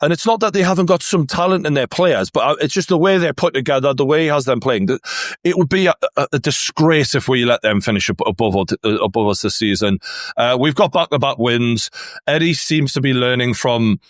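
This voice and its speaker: A man with a Newcastle accent hosts a casual football discussion in an ordinary mid-pitched voice. He is blunt and opinionated and swears freely. The sound is dry and close. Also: a little fast, no echo. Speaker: football show host.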